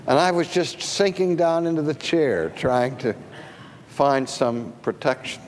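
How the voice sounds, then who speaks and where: Slow emphatic preacher in a reverberant hall. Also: male voice, mid-range voice, slight background noise. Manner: storytelling preacher, slow and emphatic with dramatic pauses. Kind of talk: sermon. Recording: reverberant hall with faint ambience.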